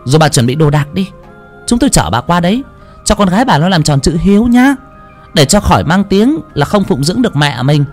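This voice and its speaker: Casting: a man doing a shrill vicious daughter-in-law, loud rapid scolding, storybook villain. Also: very animated, faint music behind. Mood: sneering. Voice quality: shrill, screeching. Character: shrill cruel middle-aged daughter-in-law.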